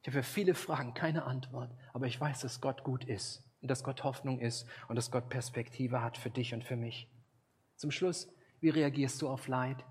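A man's voice: mid-range voice, fairly even intonation, moderate pace, a little mellow, husky. A man preaching a sermon, earnest and emphatic, speaking directly to his listeners.

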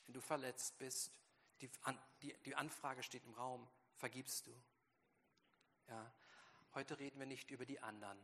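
A man's voice: medium pitch, fairly even intonation, moderate pace, pushed and bright. A man preaching a sermon with strong emphasis, acting out biblical quotes in a raised voice. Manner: emphatic, acts out quotes in a heightened voice. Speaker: pastor. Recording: long hall reverb.

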